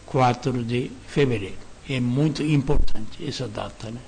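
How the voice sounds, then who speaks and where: A reverend giving an earnest sermon-style lecture, speaking in short broken phrases, repeating key words and tagging sentences with questions. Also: male voice, medium pitch, unhurried, vocal fry, a little mellow, slight background noise.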